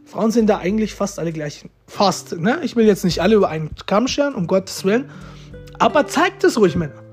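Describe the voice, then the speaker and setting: Faint music underlies a man chatting to viewers about relationships, repeating points and tacking "ja?" and "ne?" onto his lines. His voice sits high and expressive, somewhat fast, with a darkish tone.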